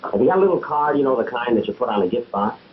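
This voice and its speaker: A male actor plays a smooth-talking, flirtatious medicine-show pitchman in an early talkie film. His patter is grandiose and his voice fairly high for a man. The 1930 soundtrack is dull and thick with noise. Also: lively intonation, racing, close to an everyday voice.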